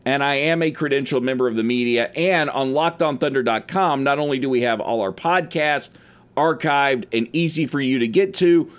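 A man's voice: medium pitch, normal speed, clear, resonant tone. A man hosting a solo sports podcast, talking casually and rambling a bit, with the odd stumble over his words. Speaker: podcast host.

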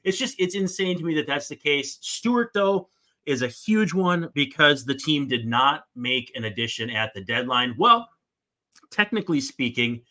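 A man's voice: on the high side, lively intonation, normal speed, pushed and bright. A man giving casual, discursive sports analysis with emphatic points. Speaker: baseball analyst and podcast co-host.

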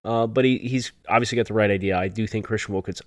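A man with a lowish voice hosts a sports podcast. He works through listener questions with conversational analysis, in a dry recording free of room sound. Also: fast talker, no room sound. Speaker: podcast host.

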